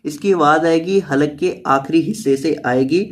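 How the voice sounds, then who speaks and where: Fairly high-pitched man teaching tajweed. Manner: patient, repeats each word slowly, then explains quickly. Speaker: Quran teacher. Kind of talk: word-by-word tajweed lesson.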